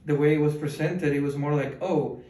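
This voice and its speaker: Recorded from a distance in an echoey room, an Ecuadorian man in his twenties rambles through interview answers, full of fillers and restarts. His voice is on the high side with a dark tone, fairly even intonation, and a slightly fast pace.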